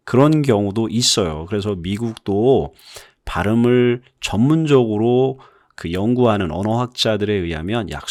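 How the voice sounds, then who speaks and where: A man's voice: fairly low pitch, no echo, clean studio sound. A middle-aged man teaching an English phonics lesson in a chatty, explanatory way, often repeating points for emphasis.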